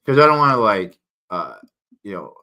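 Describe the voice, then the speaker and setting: A man with a low-pitched voice gives a casual book review. His words come out thick and slightly slurred, with the tongue pushed forward, and his delivery is hesitant and halting. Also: very animated, sharp tone. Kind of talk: casual spoken book review, partly read aloud.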